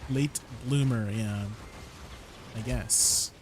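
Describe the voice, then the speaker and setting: A man's voice: medium pitch, extremely slow. A man with a mid-range voice chats casually on a live stream. He tells stories conversationally and picks up comments from viewers as he goes. Faint ambient noise sits behind his voice. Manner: chatty storytelling, repeating viewer comments aloud.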